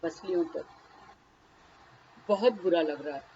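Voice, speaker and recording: A woman's voice: lowish voice, a little slow, dark tone, muffled recording, slight background noise. A woman leading a guided tapping session, naming each body point and then speaking a short first-person phrase for the listener to repeat.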